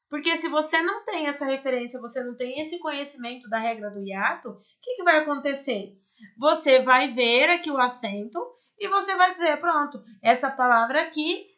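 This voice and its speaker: A woman's voice: sits high, pushed and bright, lo-fi sound. A woman teaching a Spanish class, explaining step by step and checking in with her students. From Brazil. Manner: explains patiently, asks rhetorical questions and checks in with "certo?" and "né?". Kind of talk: recorded online class.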